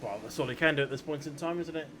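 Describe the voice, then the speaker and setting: A man's voice: on the high side, racing, noisy background. A man working as a motorsport commentator, giving conversational analysis of the race. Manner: motorsport commentator explaining incidents and strategy.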